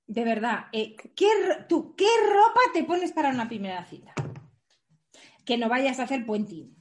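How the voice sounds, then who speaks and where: Bawdy woman podcast co-host, thirties, slightly high voice, joking chat. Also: expressive, moderate pace, darkish tone, slight background noise. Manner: bawdy, joking, frequent laughter. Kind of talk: casual chat.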